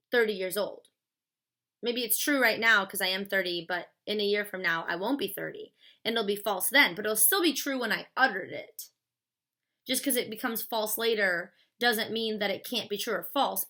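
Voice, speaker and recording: A philosophy lecturer in her thirties explains a concept in a casual, chatty classroom style, leaning on fillers like "like" and "stuff." Her voice is medium-pitched with a sharp tone.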